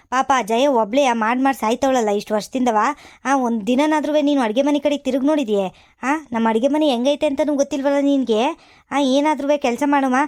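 A woman playing a sharp-tongued older village mother-in-law who scolds and nags with sarcasm, in a comedy skit. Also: fairly high pitch, natural voice.

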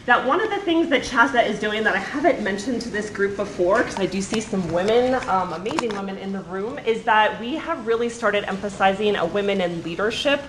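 A woman's voice: medium pitch, expressive, fairly quick, few pauses. Woman presenter, meeting room, friendly, informative, faint ambient noise, distant camera. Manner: friendly, informative, with frequent ums. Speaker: state athletic association staff presenter. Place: large meeting room with seated audience. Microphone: far camera at back of room.

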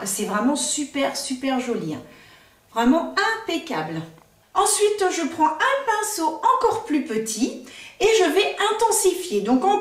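Chatty high-voiced woman, echoey room. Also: distant mic. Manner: chatty, enthusiastic, frequent fillers. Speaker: makeup vlogger. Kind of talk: casual makeup tutorial.

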